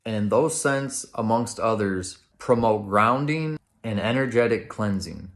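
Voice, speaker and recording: Man, lowish pitch, meditation instructor, casual instructional talk, informal, plain-spoken. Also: animated, a little slow.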